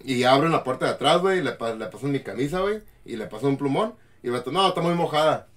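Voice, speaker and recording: Fast-talking guy telling a story. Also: medium pitch. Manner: slangy, animated storytelling. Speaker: podcast co-host. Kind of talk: casual chat.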